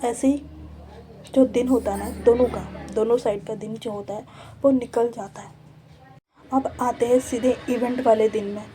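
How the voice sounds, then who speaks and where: A woman's voice: a little high, fairly even intonation, moderate pace, mellow. A woman telling a love story in a chatty, casual way, often repeating herself and slipping in English fillers.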